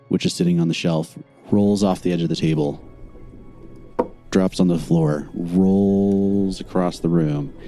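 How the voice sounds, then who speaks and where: A man narrating a tabletop game as game master, a deliberate storyteller. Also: sits low, dark tone.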